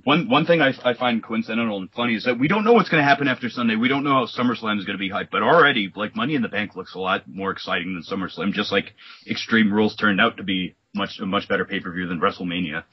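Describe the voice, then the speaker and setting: Low, husky man rambling casually. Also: fast, no echo, muffled recording. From New York. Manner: rambling, full of "like" and restarts. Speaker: podcast co-host. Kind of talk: casual chat recapping wrestling.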